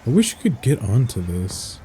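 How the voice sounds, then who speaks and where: A man's voice: mid-range voice, huge pitch swings, normal speed, warm tone, a little hiss or hum. A man playing a co-op game with a friend, joking around and swearing in mock outrage. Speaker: streamer's co-op partner. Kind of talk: casual gaming chat.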